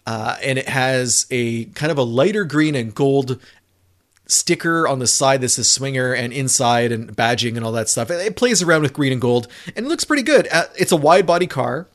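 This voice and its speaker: Man, casual podcast chat, enthusiastic, rambling, mid-pitched voice. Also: lively intonation, moderate pace, a bit bright. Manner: enthusiastic, rambling with restarts and fillers. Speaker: car reviewer, podcast co-host.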